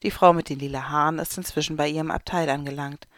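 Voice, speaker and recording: Storybook narrator: calm, clear read-aloud, close and dry, no room sound. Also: mid-range voice, fast, no echo. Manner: calm, clear read-aloud delivery with light voices for characters. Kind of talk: storybook reading for children.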